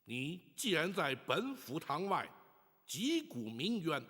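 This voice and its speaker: An actor playing a stern, upright ancient magistrate holding court, declaiming in a slow, solemn manner. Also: male voice, fairly high pitch, big pitch swings, pushed and bright, breathy edge, full character voice. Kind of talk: period TV drama acting. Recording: reverberant hall with music.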